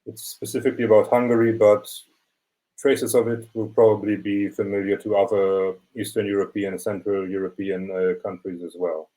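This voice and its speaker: A young man, a photographer giving a measured, explanatory presentation of his work over a video call. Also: on the low side, flat delivery, warm tone, low-quality recording. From Germany. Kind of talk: online portfolio presentation.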